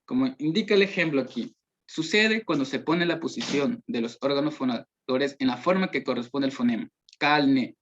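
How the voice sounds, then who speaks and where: A man's voice: on the high side, a bit bright. A man giving a classroom presentation, explaining step by step, restarting words and sounding out examples. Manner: explanatory, repeats and restarts words, models mispronunciations. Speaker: student presenter. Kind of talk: classroom presentation on speech disorders. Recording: dull lo-fi recording.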